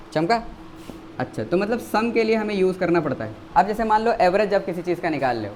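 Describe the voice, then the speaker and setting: A man with a high voice and an Indian accent teaches a maths class. He keeps quizzing his students and answers each question himself. Faint noise sits behind him. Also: darkish tone, low-quality recording. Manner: repeats key words for emphasis.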